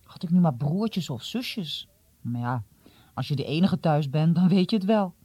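A man voicing a cheerful, proud teenage boy in an audiobook, speaking quickly and eagerly. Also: on the high side, lively intonation, mellow, breathy edge, no echo. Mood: earnest. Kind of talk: audiobook reading.

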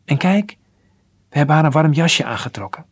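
Brisk kindly doctor, read by a man, lifted pitch, muffled sound. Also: lively intonation, breathy edge. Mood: reassuring. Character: kind male town doctor, brisk and caring.

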